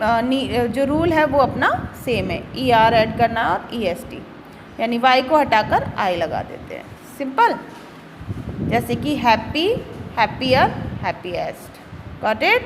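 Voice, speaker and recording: A woman schoolteacher giving a grammar lesson to children, stretching out English words slowly and speeding through Hindi asides, calling her pupils beta. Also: high-pitched, long reverb tail, slight background noise, poor audio. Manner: code-mixes English terms into Hindi explanation, addresses pupils as beta.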